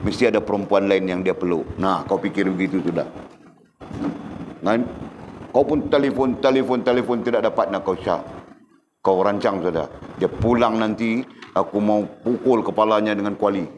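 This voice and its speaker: Low-voiced man. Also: normal speed, slight background noise. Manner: conversational, teasing questions to the audience. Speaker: religious teacher. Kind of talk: religious lecture.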